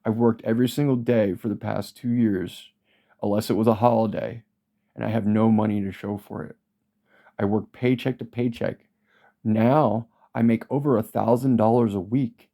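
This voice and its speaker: A man's voice: fairly low pitch, steady tone, normal speed, creaky, mellow. A man in an agitated, profane, repetitive rant to camera as a vlogger. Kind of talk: ranting monologue to camera.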